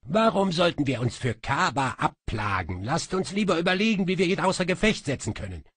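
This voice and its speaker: A man's voice: on the high side, very animated, a little fast, fairly bright tone, breathy edge, voice pushed up, full character voice. Man doing grumpy, sardonic djinn Fakal. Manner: sardonic, mumbling. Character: stocky, grumpy, sly male djinn.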